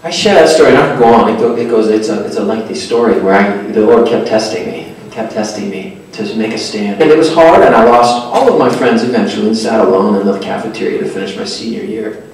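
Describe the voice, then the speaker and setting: A man telling a personal story in a sermon to religious teachers, animated and self-deprecating. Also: fairly low pitch, a little fast, creaky. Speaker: speaker addressing religious teachers. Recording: echoey hall from far off, faint noise.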